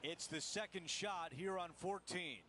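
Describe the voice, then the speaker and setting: A man's voice: sits high, measured pace, bright, forceful tone, a little hiss or hum. A man working as a golf commentator, calling shots and scores in tournament commentary.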